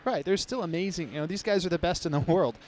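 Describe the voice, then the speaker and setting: A man hosting live race commentary, talking quickly in a chatty, upbeat way from an outdoor stadium. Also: a little high, a little mellow. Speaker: host.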